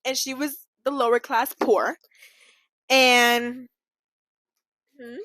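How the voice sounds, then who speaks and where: A woman's voice: a little high, little pitch movement, slow, fairly bright tone, no echo. A young woman co-hosting a podcast, telling a rambling story in casual chat, laughing often and filling her speech with "like". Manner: giggly, rambling storytelling full of fillers. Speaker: podcast co-host.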